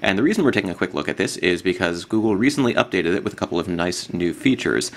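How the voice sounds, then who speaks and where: A man giving a relaxed, casual product demo of an app, with plenty of fillers. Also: sits low, quick pace. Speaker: tech blogger demonstrating an app.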